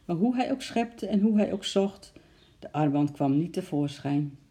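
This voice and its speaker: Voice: medium pitch, lively intonation, unhurried, mellow. A narrator steadily reading a children's story aloud.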